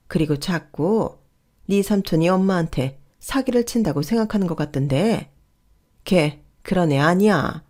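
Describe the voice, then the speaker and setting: A woman's voice: fairly low pitch, darkish tone. A woman voicing a stubborn older mother-in-law who scolds sharply and dismissively. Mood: defiant.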